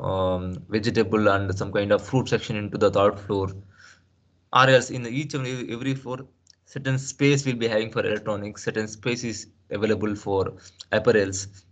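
Man explaining with fillers. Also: on the low side. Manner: explanatory, many fillers and restarts, asks rhetorical questions. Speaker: SAP trainer. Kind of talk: screen-share tutorial lecture.

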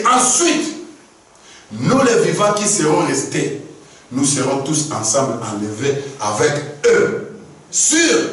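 Animated male preacher in an echoey hall. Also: fairly high pitch. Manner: animated preaching, acts out dialogues with shifting voices. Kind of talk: sermon. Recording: echoey room from far off, faint noise.

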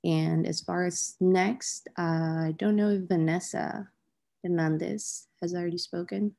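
Low gravelly-voiced woman from Colombia. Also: fairly even intonation, measured pace, warm tone. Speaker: networking participant. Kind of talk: casual video call introduction. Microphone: laptop microphone on a video call.

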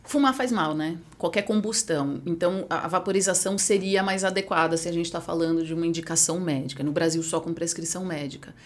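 A woman answers interview questions in a lowish voice. She explains things step by step in a patient, informative way, with lively stress on key points. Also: quick pace, hardly any pauses. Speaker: guest, medical cannabis entrepreneur. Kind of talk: explanatory podcast interview talk.

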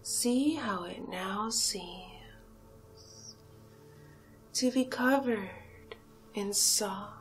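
Playing a haughty, mesmerizing alien cow, a woman with a medium-pitched voice performs a whispered ASMR hypnosis roleplay over faint music. Breathy and drawn-out with long pauses, the mood is hypnotic and soothing.

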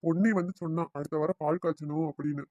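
A man voicing a kindly middle-aged father-in-law in a family cartoon, speaking gently and conciliatorily. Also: a little high, fairly even intonation, quick pace, muffled recording, a little hiss or hum, natural voice.

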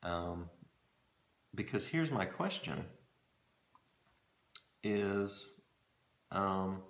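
A middle-aged man chatting casually to camera in a musing, hesitant way, often pausing mid-thought, recorded in a small room at home. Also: deep voice, very animated, gravelly. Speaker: pipe-smoking hobbyist reviewing tobacco blends. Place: small home storage room with shelves, indoors. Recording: roomy echo from camera mic.

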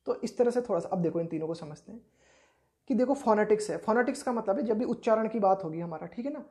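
A woman's voice: medium pitch, dark tone. A woman teaching an exam-prep lesson, explaining each point patiently and often checking in with the listener. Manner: patient, repeats points with tag questions; reads English definitions slowly and deliberately.

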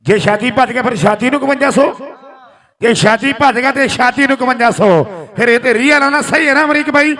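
A man's voice: very high voice, fast talker, pushed and bright. A man announcing a rural sports match live, emphatic and repeating his phrases. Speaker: kabaddi commentator and announcer. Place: outdoor village kabaddi ground.

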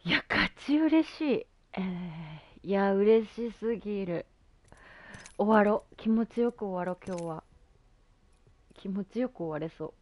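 An excited woman streamer talks casually during gameplay, exclaiming and using youthful slang. Her mid-range voice is expressive and measured in pace, with no room sound.

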